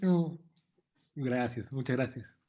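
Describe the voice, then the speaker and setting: A man's voice: mid-range voice, takes it slowly, mellow. A man moderating a seminar, giving brief, polite prompts.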